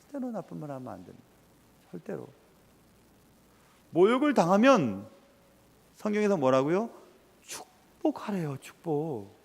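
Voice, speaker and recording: A man preaching a sermon as a pastor, telling stories with lively swings and dropping to a whisper at times. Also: high-pitched, in a large hall.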